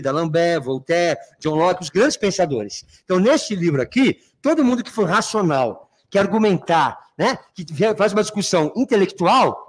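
A Brazilian man teaching a literature review class, often checking that students follow and calling them by fond names. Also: sits high. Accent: Brazilian Portuguese. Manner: keeps checking understanding, addresses students fondly. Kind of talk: exam review lecture.

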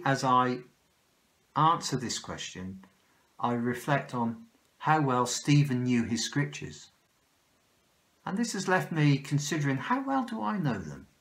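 An older Welsh man delivers a home-recorded sermon at an unhurried, deliberate pace. He speaks earnestly, often restarting words, close to a phone camera in a small room. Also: medium pitch, fairly bright tone. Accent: Welsh English. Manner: slow, earnest, with frequent restarts. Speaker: preacher. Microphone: phone or webcam close in front.

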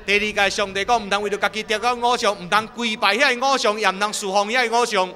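Fast, bright male interpreter in stadium reverb. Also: high voice, fairly even intonation. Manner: quick, following the preacher's emphasis, with some stumbles. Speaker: sermon interpreter. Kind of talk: live interpretation of a sermon. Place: outdoor stadium.

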